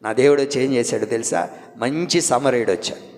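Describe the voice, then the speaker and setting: A man preaching a sermon as pastor, swinging between loud outbursts and quiet asides and asking the congregation questions. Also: mid-range voice, a little fast. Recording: long hall reverb.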